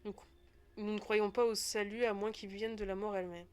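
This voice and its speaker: A woman's voice: medium pitch, level tone, fairly quick, clean tone, natural voice. A woman voicing a solemn death-worshipping cult woman in a shroud, reading game dialogue aloud.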